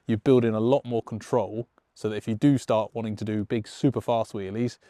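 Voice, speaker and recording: A man's voice: fairly low pitch, fairly even intonation, fairly quick, dark tone, no room sound, studio quality. A man presenting a motorcycle tutorial, explaining in an enthusiastic, encouraging and conversational way. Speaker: motorcycle riding instructor and show presenter.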